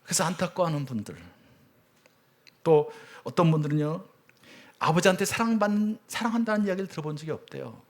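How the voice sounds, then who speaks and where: Middle-aged male church elder, sermon storyteller, a touch high-pitched. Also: brisk. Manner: storytelling with dramatic swings between loud and hushed. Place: church sanctuary.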